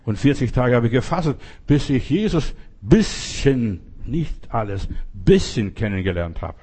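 A man's voice: mid-range voice, animated, measured pace, warm tone, breathy edge. A man preaching in an informal sermon style, earnestly talking straight to the listener. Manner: earnest, addresses listener directly. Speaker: evangelist preacher.

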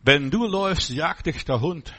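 Husky-voiced man preaching a sermon. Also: on the high side, animated, a little slow, bright, forceful tone. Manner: emphatic preaching with many interjected "ja"s and asides. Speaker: pastor.

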